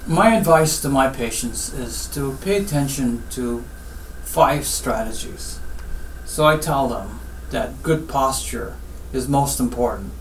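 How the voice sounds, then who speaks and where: A middle-aged spine surgeon from Guyana answers interview questions with health advice, speaking in measured, deliberate short phrases broken by pauses. His medium-pitched voice is animated. He sits at a desk in a small office, picked up by a distant mic that sounds roomy over faint background noise.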